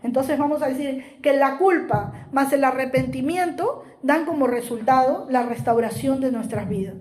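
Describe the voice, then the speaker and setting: Woman preacher telling a story, high voice, lots of room echo. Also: moderate pace, darkish tone. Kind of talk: sermon with storytelling. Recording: roomy echo.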